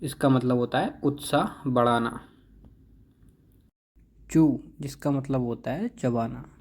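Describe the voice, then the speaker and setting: A man's voice: medium pitch, takes it slowly, a little mellow. A man teaching English vocabulary, reading words with their Hindi meanings and correcting pronunciation one word at a time.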